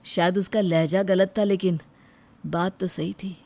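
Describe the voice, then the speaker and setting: A woman doing a gentle young husband. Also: fairly low pitch, fairly even intonation, measured pace, slight background noise. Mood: hurt. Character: kind devoted young husband, a humble peon. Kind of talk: Hindi storybook voice acting.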